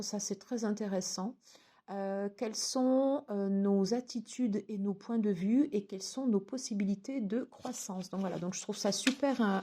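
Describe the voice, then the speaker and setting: A woman's voice: mid-range voice, warm tone. A woman casually reviewing a tarot deck and its guidebook, chatty, with many fillers and restarts.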